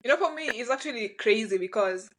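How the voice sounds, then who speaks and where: A woman's voice: fairly high pitch, animated, fast, fairly bright tone, rough recording. A young woman with a Kenyan accent chatting casually, telling stories with laughter between phrases. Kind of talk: casual chat.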